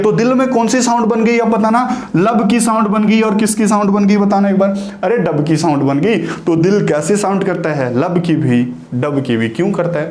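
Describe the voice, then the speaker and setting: With a Haryanvi Hindi accent, a man with a high, darkish voice gives a classroom lecture in an echoey room. He repeatedly asks questions and then answers them himself.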